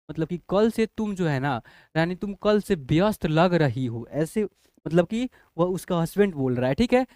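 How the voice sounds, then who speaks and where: A man's voice: high voice, a little mellow, clear, resonant tone, no room sound, studio quality. A man teaching a lesson, patiently spelling out letters one by one and asking the students whether they follow. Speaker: English teacher. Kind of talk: classroom lesson explaining spelling.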